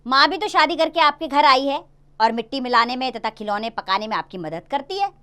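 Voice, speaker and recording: A woman's voice: sits high, a little fast, sharp tone, smooth, voice pushed up. A woman doing an eager, pleading little girl.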